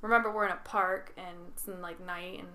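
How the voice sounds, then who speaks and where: A woman co-hosting a podcast, telling a story in casual chat with animated delivery and frequent laughter. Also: lowish voice, fairly quick. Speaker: podcast co-host.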